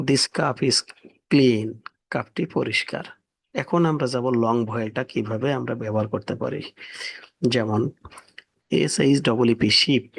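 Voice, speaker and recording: A man's voice: mid-range voice, creaky, breathy edge. A man giving a spoken language lesson, spelling words out letter by letter and repeating each one carefully. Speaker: English teacher.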